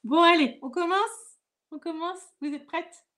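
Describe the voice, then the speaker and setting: A woman's voice: very high-pitched, unhurried, pushed and bright. A woman hosting a live watercolor lesson from home, chatting casually, greeting viewers and laughing often. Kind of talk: casual live-stream chat.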